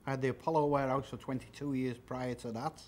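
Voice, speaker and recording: Fast and level-toned, with a medium pitch and darkish quality, a man in his fifties talks in an interview. He owns a secondhand shop and, among the furniture of a large indoor warehouse, chattily and plainly explains old items' prices step by step.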